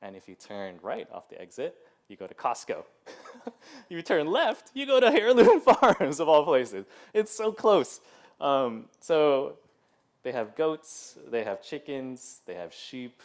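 A man's voice: on the high side, very animated, unhurried. A man in his thirties giving a casual sermon as pastor in a church, chatty and full of "like" and "um", with laughing asides. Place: church sanctuary.

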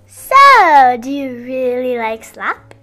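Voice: sits high, very animated, slow pace, bright, forceful tone, faint music behind, heavily acted. A performer voicing an eager, pushy cartoon character who coaxes a friend to taste slop. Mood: coaxing. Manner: coaxing, bouncy.

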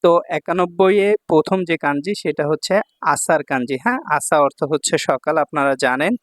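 High-voiced man teaching a kanji lesson. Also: brisk, no room sound, studio quality. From Bangladesh. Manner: repeats readings, checks in with "okay?" often. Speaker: Japanese language teacher. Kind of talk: kanji lesson explaining readings.

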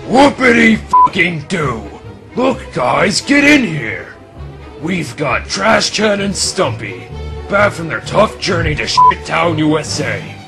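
With music behind him, a man voices a brash, hot-tempered officer obsessed with miniskirts in a comedic anime parody dub. His exaggerated, rather high voice is gravelly and swaggering, prone to melodramatic, sweary outbursts.

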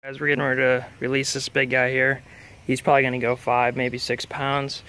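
A man's voice: medium pitch, monotone, fairly quick. A young man hosting a casual fishing vlog, talking straight to viewers on an action camera. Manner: enthusiastic, addresses viewers directly. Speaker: fishing vlogger. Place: indoor den, then outdoors on a farm pond.

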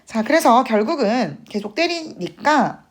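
A woman literature teacher lecturing to students with a slightly hoarse, sunk voice, acting out quoted lines. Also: fairly high pitch, a little slow. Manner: animated, acts out quoted lines in character voices. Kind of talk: classroom lecture on classic Korean fiction.

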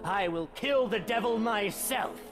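A man's voice: high voice, measured pace, over music. A man voicing a brooding, power-mad hedgehog antihero with pompous declamation in an improvised comedy game dub. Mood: menacing, petty.

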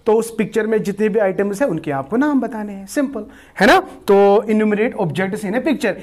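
Slow-speaking male teacher lecturing. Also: high-pitched, darkish tone. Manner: explains slowly, addresses students as "beta"; asks and answers his own questions. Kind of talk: classroom lecture.

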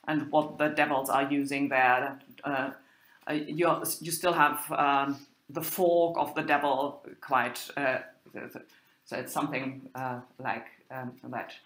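A university lecturer in medieval German literature, a woman with a German accent, talks informally and quotes text in a slow, halting, hesitant manner full of pauses. Her voice is low-pitched with a fairly bright tone, heard in an echoing, roomy room.

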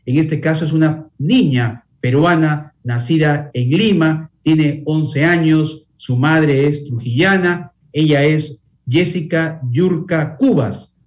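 A middle-aged man anchoring a live television news interview. His voice sits a little high for a man, and his delivery is formal and polished, in the manner of a studio presenter. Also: darkish tone.

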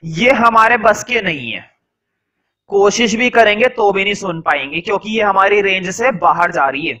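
A young man teaching a class, dictating notes slowly and repeating each phrase, mixing Hindi and English and answering his own questions. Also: sits high, bright, forceful tone, poor audio.

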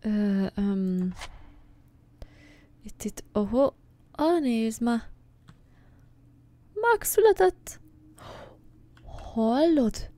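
A woman commentating her own horror game play in a slightly high voice. She is jumpy and swears, and she talks to the things on screen as she goes. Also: animated, long pauses, warm tone. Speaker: gaming channel host.

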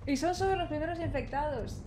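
A woman's voice: high voice, brisk, warm tone, a little hiss or hum. A young woman, commentating a video game she plays, nervous and exclaiming, talking to the characters on screen. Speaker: gaming streamer. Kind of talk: let's play commentary.

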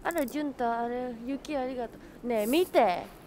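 A woman's voice: high-pitched, normal speed, a little mellow. A woman live-streaming outdoors, chatting casually with her viewers and friends and laughing often. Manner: bubbly, greets chat, laughs often. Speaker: livestreamer.

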